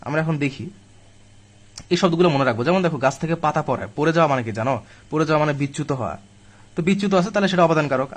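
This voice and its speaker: A young man teaching a live online grammar class to admission students, chatty and direct, though weak from illness. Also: fairly high pitch. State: weak and ill, speaking slowly.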